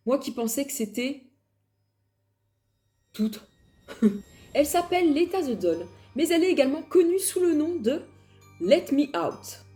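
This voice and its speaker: A woman with a mellow, fairly high voice chats casually as she tells paranormal stories. She laughs at herself and adds dramatic emphasis along the way.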